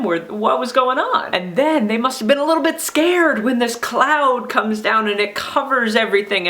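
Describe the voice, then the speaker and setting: Brief: woman, children's Sunday school teacher, playful and upbeat, slightly high voice. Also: fairly bright tone. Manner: upbeat, playful, talks to a dog. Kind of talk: children's Bible lesson. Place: church video recording.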